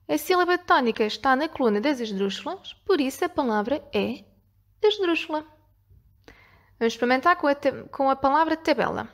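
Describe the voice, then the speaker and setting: A woman teacher with a European Portuguese accent explains a grammar lesson to the camera in a slightly high voice carrying a gravelly edge. She speaks clearly and patiently, stretching out each example word and checking in with the viewer. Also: expressive, a little fast.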